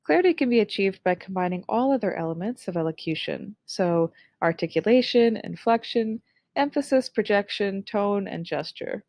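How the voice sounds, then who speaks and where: A young adult woman giving an online lesson on public speaking, with a clear, upbeat instructional delivery. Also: mid-range voice, expressive, normal speed, darkish tone, dry recording.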